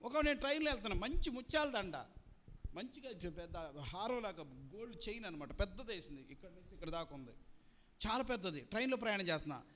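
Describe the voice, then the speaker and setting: A man's voice: high-pitched, lively intonation, quick pace, fairly bright tone. A male pastor preaching a sermon, building repetitive lists with rising emphasis and asking the congregation to repeat key words. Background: congregation present.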